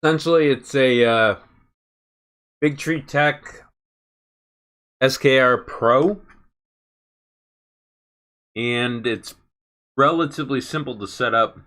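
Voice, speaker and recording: Man, bright tone, casual livestream host, halting speech full of fillers. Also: mid-range voice. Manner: halting, many fillers, eating while talking.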